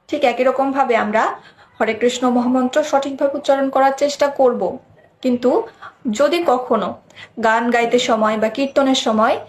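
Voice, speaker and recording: A woman giving a scripted devotional explanation in a measured, explanatory way, often asking rhetorical questions. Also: high voice. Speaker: devotional teacher.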